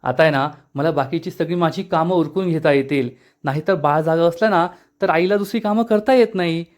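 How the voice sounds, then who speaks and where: Chiding, talkative young woman scolding her boss, read by a high-voiced male narrator. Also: brisk, natural voice.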